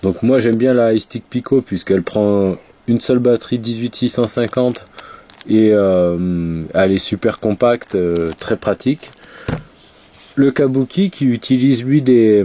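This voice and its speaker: A vape reviewer with a head cold talks casually through a product review, his voice lowish, slow and mellow. He sounds congested and rambles, with lots of fillers and restarts.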